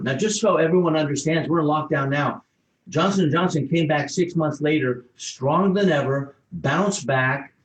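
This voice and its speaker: A man hosting an online webinar, reading out questions and chatting with his guest. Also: mid-range voice. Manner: conversational, reads out questions. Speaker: host. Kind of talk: webinar moderation. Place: home in Australia or New Zealand. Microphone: video call. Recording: echoey room.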